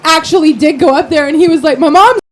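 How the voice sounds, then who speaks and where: A woman's voice: sits high, steady tone, fast talker. A woman co-hosting a casual political talk show, chatty and giggly. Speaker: co-host.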